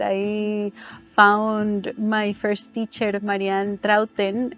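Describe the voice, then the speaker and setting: A young woman from Costa Rica, answering interview questions in a slow, reflective, gentle way. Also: medium pitch. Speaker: guest, ceremonialist and sound therapist.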